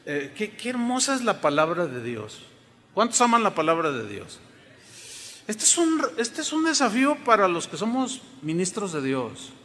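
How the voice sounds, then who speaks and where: A man's voice: sits high, very animated, normal speed, pushed and bright. A man preaching a sermon to his congregation, emphatic and often asking them questions. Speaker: pastor. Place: church sanctuary. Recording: long reverb of a large hall.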